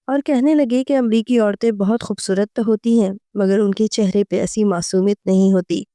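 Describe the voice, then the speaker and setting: Mellow, smooth-voiced woman storyteller. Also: mid-range voice, no room sound, studio quality. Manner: steady, earnest storytelling. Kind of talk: first-person story narration.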